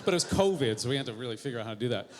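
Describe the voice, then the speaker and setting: A man's voice: mid-range voice, lively intonation, very fast. A man, a film director on a festival panel, telling casual stories with enthusiasm and emphasis. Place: festival theater stage before an audience. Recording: live stage mic with loud audience.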